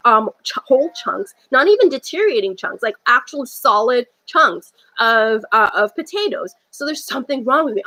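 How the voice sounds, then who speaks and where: A woman's voice: on the high side, pushed and bright, rough recording. A young woman talking to camera in an unscripted personal monologue, rambling with many restarts and fillers. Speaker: vlogger.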